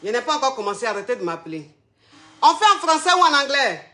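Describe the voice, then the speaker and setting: High bright-voiced woman streaming live. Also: very animated, fast, roomy sound. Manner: chatty, keeps asking viewers the same question. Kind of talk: casual live-stream chat.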